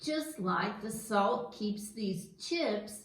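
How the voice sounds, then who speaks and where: A woman's voice: medium pitch, lively intonation, drawn-out words. A woman voicing a naive, snack-loving male puppet in a church skit, earnest and literal-minded. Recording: echoey room.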